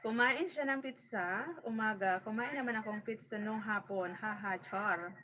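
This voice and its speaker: A woman's voice: mid-range voice, moderate pace, bright, forceful tone. A woman from the Bicol region of the Philippines, hosting a casual farm-vlog livestream and greeting viewers by name as she fusses over her audio setup. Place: rural home in the province.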